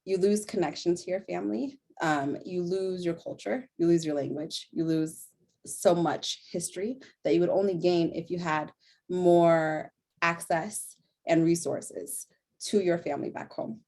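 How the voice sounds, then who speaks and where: A young woman with a General American accent, born in a refugee camp in Sudan and raised in Denver, reads a prepared panel talk. Her voice is lowish and darkish, her intonation fairly even, her pace unhurried. She sounds earnest, corrects herself at times, and laughs now and then.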